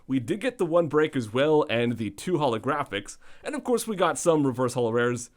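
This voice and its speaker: A man's voice: medium pitch, very animated, normal speed. A man with a thin, weak voice giving casual unboxing commentary as the host of a video. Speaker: host of card pack opening videos.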